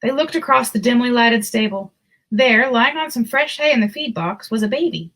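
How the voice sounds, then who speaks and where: A woman tells a children's tale aloud, her voice a touch high. She reads slowly and purposefully, with plenty of expression.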